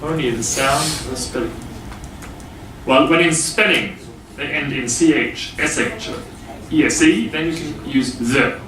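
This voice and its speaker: A man teaching English grammar to a class, explaining slowly with many pauses and fillers. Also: a little high, background noise. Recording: echoey classroom from far off.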